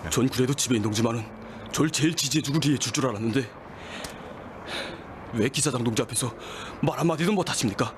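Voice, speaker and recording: An actor playing an earnest young engineer who argues insistently. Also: male voice, medium pitch, quick pace, long pauses, noisy background, natural voice. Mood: frustrated. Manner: insistent, arguing.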